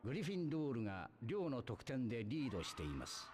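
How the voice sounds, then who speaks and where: Game announcer, adult male voiced by a man, formal and measured, quick and lively. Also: medium pitch, noisy background, lightly acted. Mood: announcing.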